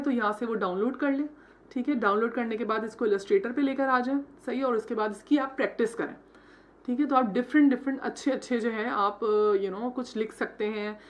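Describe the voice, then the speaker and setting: A woman teaching logo design step by step, mixing English terms into her Hindi and checking in with "theek hai" after each step. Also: a little high. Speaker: design tutor. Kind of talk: screen-recorded software tutorial.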